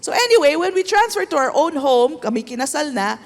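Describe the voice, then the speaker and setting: A woman's voice: high-pitched, big pitch swings, a little fast. A woman pastor with a Filipino accent preaching a sermon, switching between Tagalog and English and calling for amens from the congregation. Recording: echoey hall.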